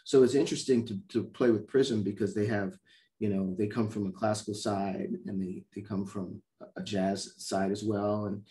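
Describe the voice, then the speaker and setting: A middle-aged man from Miami, a trumpet player, telling animated stories in casual conversation over a video call. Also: fairly low pitch, moderate pace. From Miami, Florida. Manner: animated storyteller, acts out quoted voices. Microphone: video call mic.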